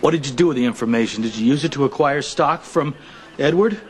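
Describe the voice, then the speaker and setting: A man's voice: medium pitch, fast talker, slight background noise, lightly acted. An actor playing a blunt, wisecracking lawyer advising his client in a soap opera. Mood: wry. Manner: wry, blunt.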